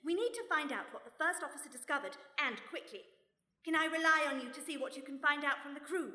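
In a radio play mystery performed on stage before a live audience, a woman voices a shrewd, unflappable British mother turned amateur sleuth. Her high, bright voice delivers lines fast and animated, in a full character voice that is composed, resolute and dryly witty. The live stage recording echoes around a hall.

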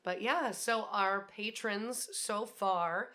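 A young woman from Wisconsin co-hosts a podcast, chatting casually, laughing a lot and swearing freely. Her voice is medium-pitched with a sharp tone, and she speaks slowly.

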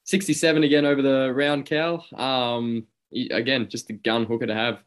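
An Australian man hosts a casual sports chat. He talks like a matey tradie among friends, blokey and full of slang, at a middling pitch. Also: flat delivery, moderate pace, clean tone. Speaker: host of a fantasy rugby league show.

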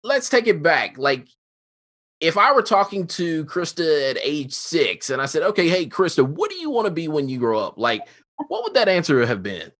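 A man's voice: a little high, moderate pace. A man interviewing a guest in a casual, playful way, acting out his own reactions as quotes. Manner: playful, animated, acts out quotes.

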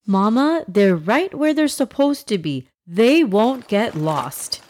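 A woman voicing an eager, excitable little first-grade boy in a children's story, full of exclamations. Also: mid-range voice, slow pace, a little hiss or hum. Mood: confident.

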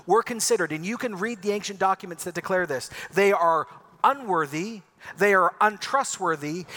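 A man's voice: high-pitched, a bit bright. A man who grew up in Ecuador, preaching an Easter sermon in an emphatic, rhetorical way. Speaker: pastor.

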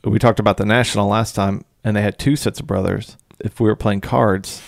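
A man with a lowish voice co-hosts a relaxed music chat. He jokes around and laughs often. The sound is dry and close, with no room echo. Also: brisk, creaky. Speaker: podcast co-host.

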